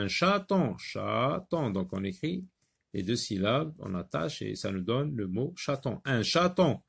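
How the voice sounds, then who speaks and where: A man teaching a French phonics lesson, repeating words and sounds slowly and deliberately, sometimes translating instructions into Arabic. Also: mid-range voice, creaky, breathy edge.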